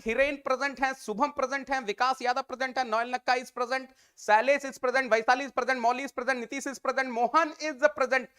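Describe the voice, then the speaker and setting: A man's voice: extremely high pitch, a bit bright, clean tone. A man with an Indian English accent, teaching a live online exam-prep class in a Hindi-English mix, repeating each phrase and coaxing his students to answer. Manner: repeats phrases, coaxes students, calls them "beta".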